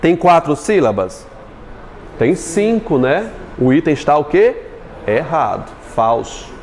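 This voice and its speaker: A man with a Brazilian Portuguese accent teaching an exam-prep lesson, chatty and joking, stretching words out slowly as he splits syllables. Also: on the high side, very animated, darkish tone, a little hiss or hum. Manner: chatty, jokes with students, spells words out slowly.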